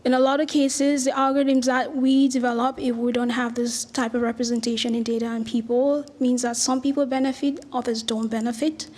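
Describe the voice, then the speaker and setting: Lady lecturing, pitch on the higher side, earnest and explaining, restarts a bit. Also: level tone, brisk, few pauses, a little mellow. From Cameroon. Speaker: researcher giving a talk. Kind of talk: academic lecture with slides.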